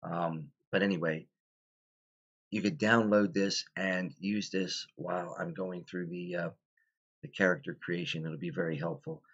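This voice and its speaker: A man's voice: deep voice, fairly even intonation, unhurried, a bit bright, husky, lo-fi sound. A tired man hosting a casual tabletop game tutorial, rambling with many ums and restarts. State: tired, stifling yawns.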